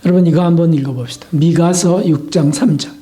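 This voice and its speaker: A man's voice: on the high side, steady tone, fairly quick, mellow. A male pastor preaching a sermon with emphatic, dramatic questions.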